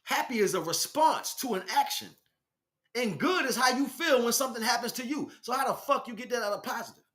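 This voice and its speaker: Brisk and sharp-toned, a man's very high voice moves with lively intonation. He's a spiritual teacher giving an impassioned, informal lecture in blunt, emphatic street vernacular, regularly using rhetorical questions.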